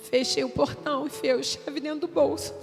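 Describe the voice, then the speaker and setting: A woman's voice: high-pitched, fairly even intonation, fairly quick. A Brazilian woman, a pastor's wife, tells her church testimony in an emotional, intense way, with music playing behind her. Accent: Brazilian Portuguese. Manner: emotional, intense storytelling with acted quotes. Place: church hall. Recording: reverberant hall with music behind.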